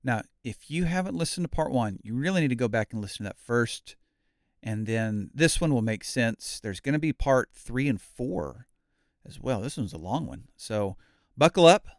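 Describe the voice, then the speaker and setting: A middle-aged man hosting a podcast, talking in a relaxed, chatty way with fillers and side stories during a Bible study conversation. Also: mid-range voice, moderate pace, no room sound, clean studio sound. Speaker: podcast host.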